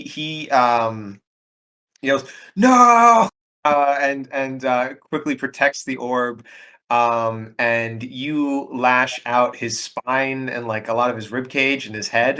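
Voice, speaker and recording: A man narrating as game master of a tabletop role-play, talking haltingly with many ums and restarts. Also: mid-range voice, a bit bright.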